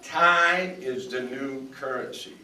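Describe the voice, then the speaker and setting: A man's voice: mid-range voice, takes it slowly, bright, forceful tone. An older man giving a folksy, anecdotal speech to an audience in a hall. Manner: folksy, anecdotal, quotes others in voices. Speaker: speaker. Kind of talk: storytelling speech. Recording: echoey hall, mic at a distance.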